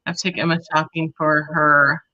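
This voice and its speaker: Woman staffer, bright tone, low pitch, easygoing chat. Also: level tone, normal speed, lo-fi sound. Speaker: staff member.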